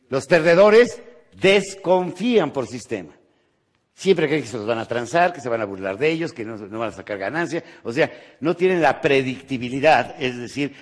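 A Mexican man gives a motivational lecture with a lively, swinging pitch and a slightly husky voice. He talks rhetorically, tossing quick questions to the audience. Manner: animated, rhetorical, tags questions with ¿eh? and ¿sí?. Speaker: motivational speaker.

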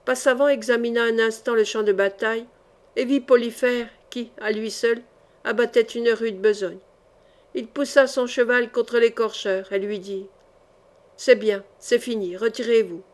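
A woman's voice: fairly high pitch, steady tone, normal speed. A woman reading a historical adventure novel aloud as an audiobook, with dramatic delivery. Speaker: audiobook reader.

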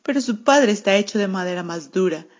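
A woman reads a storybook aloud at a middle pitch, her narration wry and sardonic. The radio recording sounds dull and lo-fi. Her delivery stays dry and mocking. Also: lively intonation, brisk. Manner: wry, sardonic first-person narration as a cat.

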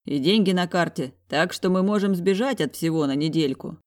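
A man narrating a first-person audiobook in a calm, gentle, reassuring way. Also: high-pitched, moderate pace.

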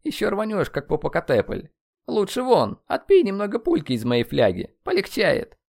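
A man voicing a joking Aztec friend who calms a comrade, in an audiobook. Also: high-pitched, moderate pace, vocal fry, pitched above the performer's own voice, heavily acted. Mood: placating. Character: easygoing male Aztec friend.

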